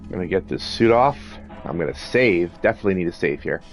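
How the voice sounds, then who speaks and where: Low-voiced man casually narrating gameplay. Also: animated, fast. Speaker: video game player and commentator. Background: game music and sound.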